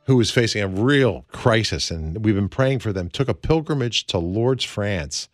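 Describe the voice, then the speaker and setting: A man hosting a radio show in a studio, talking in a smooth, earnest, conversational way with many fillers as he leads prayer. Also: lowish voice, animated, normal speed, no echo. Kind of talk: smooth radio host talk, leading prayer.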